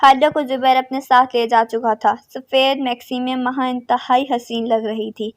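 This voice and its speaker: Woman narrator, high voice, flat steady delivery, dry close recording, audiobook romance reading. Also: dry recording. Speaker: novel narrator.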